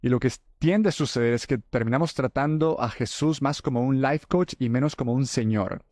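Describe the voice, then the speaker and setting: Guy hosting a faith podcast, dark mellow voice, dry close sound, earnest and chatty. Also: mid-range voice, moderate pace, no echo. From El Salvador. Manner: earnest, conversational preaching. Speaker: podcast host.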